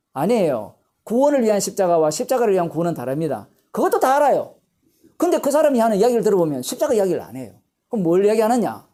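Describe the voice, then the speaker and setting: A woman pastor giving a Bible lecture sermon, emphatic and animated, posing rhetorical questions and answering them herself. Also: on the low side.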